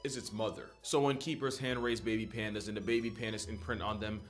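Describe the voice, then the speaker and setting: A man's voice: fairly low pitch, fairly even intonation, fast. A man delivering comedic scripted narration in a slangy, wry, conversational manner. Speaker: wildlife video narrator. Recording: music behind the voice. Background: background music.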